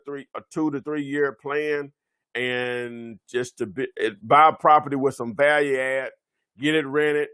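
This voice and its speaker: A man's voice: medium pitch, fairly bright tone, no room sound. Rambling man teaching real estate. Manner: rambling, many fillers and self-corrections. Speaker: real estate webinar presenter. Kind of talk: unscripted instructional webinar talk.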